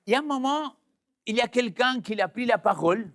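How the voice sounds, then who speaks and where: A man, a pastor, preaching a sermon to his congregation, animated and direct, with sudden jumps in pitch for emphasis. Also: a little fast. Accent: French-speaking Swiss.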